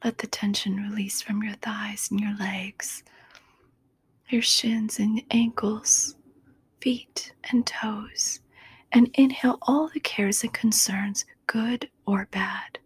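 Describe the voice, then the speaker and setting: Woman, host, breathy whisper, very slow, soothing sleep meditation, dry close condenser mic. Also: medium pitch, fairly bright tone. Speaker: podcast host. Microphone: USB condenser microphone.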